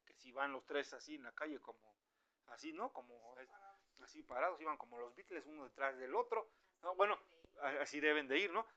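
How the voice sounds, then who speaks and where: A man with a Mexican Spanish accent preaching an informal, conversational sermon, animated and acting out the voices of the people he quotes. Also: fairly high pitch, a little fast, dull audio.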